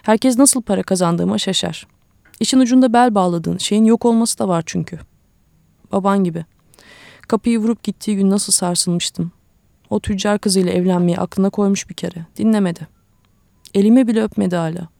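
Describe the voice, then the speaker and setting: A woman reader voicing a sick old grandfather who sells flowers, speaking in a weary, reflective, kindly way with a gravelly tone. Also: mid-range voice, normal speed, warm tone, dry recording, close to an everyday voice.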